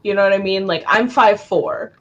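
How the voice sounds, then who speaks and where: On a muffled recording, a woman with a medium-pitched voice co-hosts a live writing stream at a moderate pace. She's animated and jokey, casually chatting and reading out viewer comments.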